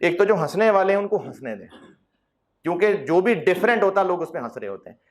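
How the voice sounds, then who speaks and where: An accounting lecturer from Pakistan addresses students in a classroom, his high-pitched voice swinging widely and moving at a quick pace. He's conversational and coaxing, teasing them with mock quotes.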